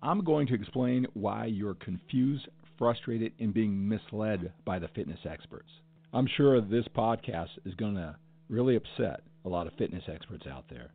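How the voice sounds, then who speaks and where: A man's voice: on the low side, animated, normal speed, vocal fry. A middle-aged man hosting a solo podcast, talking earnestly and emphatically, repeating phrases to drive his point home. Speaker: podcast host. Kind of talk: passionate solo podcast monologue. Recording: tinny phone-like audio.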